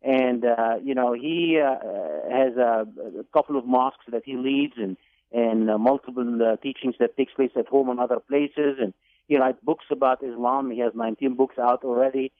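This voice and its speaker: A man's voice: mid-range voice, steady tone, dry recording. Man from Egypt on a tinny phone line. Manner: deliberate, with repeated words and fillers. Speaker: guest. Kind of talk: telling his life story on a radio call-in. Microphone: telephone.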